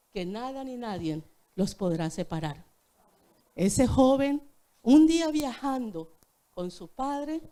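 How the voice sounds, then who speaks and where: A woman's voice: a little high, warm tone. A woman preaching a sermon in a church, telling a story and speaking directly to the congregation.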